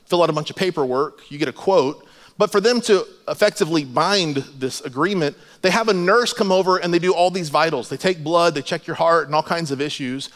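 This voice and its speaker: A man's voice: a little high, fairly quick, fairly bright tone, big-room sound. A man preaching a sermon, telling a humorous personal story and acting out the dialogue in a conversational way. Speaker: pastor. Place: church sanctuary.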